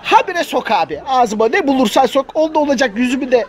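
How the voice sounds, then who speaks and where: A man's voice: very high-pitched, animated, quick pace. A man voicing a chatty male house cat in a comic dubbing of pet videos, joking and grumbling with many exclamations. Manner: colloquial, joking, full of exclamations.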